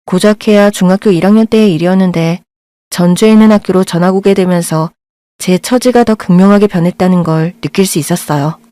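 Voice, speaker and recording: A woman's voice: on the low side, brisk, warm tone, no echo. A woman narrating a confessional audio drama in a reflective, first-person storytelling voice.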